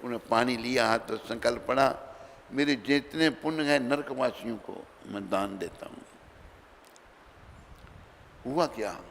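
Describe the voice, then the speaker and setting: A man delivers a storytelling sermon in a gravelly voice, voicing each character as he goes. He swings from loud to soft, and his words ring out in a long-echoing hall with a faint hiss behind. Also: medium pitch. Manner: dramatic storytelling, acting out dialogue with sudden loud and soft turns. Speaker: preacher. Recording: reverberant hall with faint background noise.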